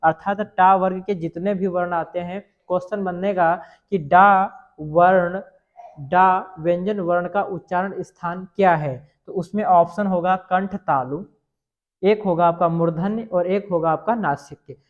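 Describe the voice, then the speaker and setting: A man's voice: high voice, steady tone, a little slow. A man teaching an exam-prep grammar lesson, sounding out each letter aloud and repeatedly asking the listener questions before answering them himself. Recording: dull lo-fi recording.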